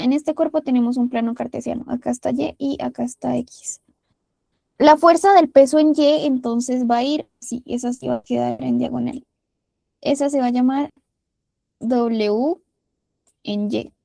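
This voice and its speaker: A woman's voice: sits high, vocal fry, a little mellow, no room sound. A woman tutor with a Colombian Spanish accent, patiently walking through a physics problem step by step with casual fillers. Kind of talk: explaining a physics problem while drawing.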